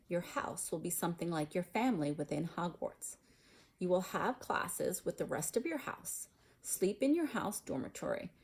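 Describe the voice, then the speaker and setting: A woman voicing a stern older female professor in a storybook, speaking in a formal, measured, authoritative way. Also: lowish voice, darkish tone, slightly rough, full character voice.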